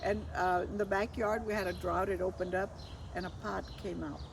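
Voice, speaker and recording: An older woman with a mid-range, steady, brisk voice and some vocal fry tells personal stories informally outdoors. She sounds reflective and hesitant, slipping in Spanish phrases, recorded on a distant mic amid loud outdoor ambient noise.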